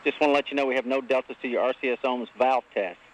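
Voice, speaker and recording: A man giving a brisk, clipped report over a crackly two-way radio transmission. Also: medium pitch, steady tone. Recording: distant radio-filtered voice.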